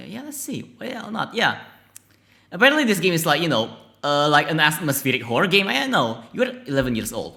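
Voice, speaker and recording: Casting: male game streamer, lively pitch, bright tone, stumbles and swears while reading. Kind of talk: playing and reading a text horror game aloud.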